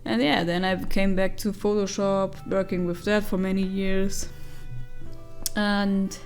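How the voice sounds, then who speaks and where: A young woman with a hoarse, gravelly voice after karaoke, chatting casually as an artist vlogger over her speed painting. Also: mid-range voice, little pitch movement, slow. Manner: chatty, with fillers and soft laughs. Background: faint music.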